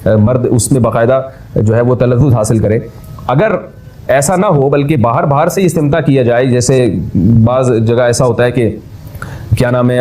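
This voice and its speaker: Male preacher, animated lecture with mocking asides, roomy echo. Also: medium pitch. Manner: animated, mocking asides, drops to quiet muttering. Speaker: Islamic scholar giving a talk. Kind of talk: religious lecture.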